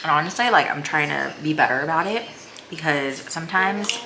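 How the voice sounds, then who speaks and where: Indoors in a small room at home, a deep-voiced woman vlogger talks briskly and casually over a meal, hesitant and rambling and leaning heavily on "like," with background noise present.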